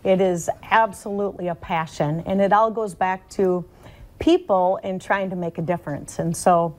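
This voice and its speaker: A woman's voice: lowish voice, fairly even intonation, moderate pace. A woman auctioneer speaking earnestly and personally as an interview guest.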